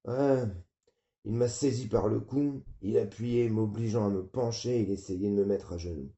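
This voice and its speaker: A man with a deep, gravelly voice reads a novel aloud in a flat, weary first-person tone. His sound is dark and mellow. It comes through muffled, with a roomy echo. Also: normal speed. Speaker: audiobook reader. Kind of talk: novel reading.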